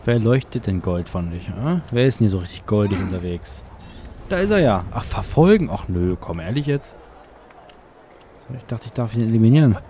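A man's voice: fairly low pitch, very animated, moderate pace, mellow, slight background noise. A man commenting casually on his gameplay, chatty and sarcastic, grumbling at the game as he plays. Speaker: let's play gamer.

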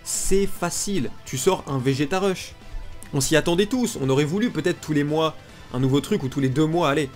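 A man's voice: a little high, a little fast. A man with a blocked, nasal, congested voice, giving blunt, casual, unscripted gaming commentary. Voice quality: nasal, blocked-nose sound. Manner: blunt, informal griping. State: congested from pollen allergy. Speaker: gaming video creator. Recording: music behind the voice. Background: music.

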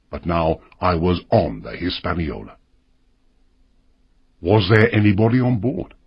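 Husky, expressive male storyteller. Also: lowish voice, no room sound, lo-fi sound. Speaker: narrator. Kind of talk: storybook reading for English learners.

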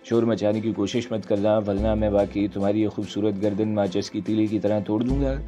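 A man's voice: lowish voice, steady tone, brisk, mellow, close to an everyday voice. A man reading a story aloud and voicing a ruthless male commando who growls cold, menacing threats. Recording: dull lo-fi sound, faint music behind.

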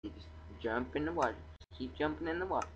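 Muffled young man rambling over gameplay. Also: fast. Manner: rambling, excitable, self-talking. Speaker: gameplay video maker. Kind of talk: casual gameplay commentary. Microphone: cheap computer mic. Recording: muffled low-quality computer mic, faint background hum.

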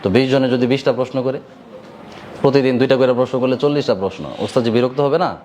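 A male madrasa teacher speaks in colloquial Bangladeshi Bengali as he gives his students a moral lesson. He checks their attention by turning each point into a question for them to answer. Steady noise hums under his voice throughout. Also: mid-range voice, fast talker. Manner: quizzes listeners with repeated rhetorical questions.

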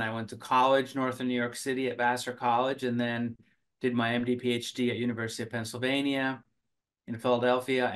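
A middle-aged man from Finland, a cancer researcher and oncologist, answering interview questions in a measured way over a video call from a home office, with many filler sounds and restarts. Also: medium pitch, a bit bright.

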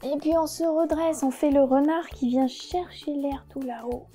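A young woman, a yoga teacher, guiding a children's class with gentle, encouraging, playful instructions. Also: high-pitched, fairly even intonation, moderate pace, soft background music.

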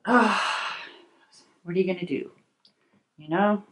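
Hosting a soap-making video, a middle-aged woman mixes at her kitchen table under an overhead camera and chats casually through every step. She speaks at a measured pace in a mid-range voice, sometimes softly, sometimes brightly, thinking aloud as she goes.

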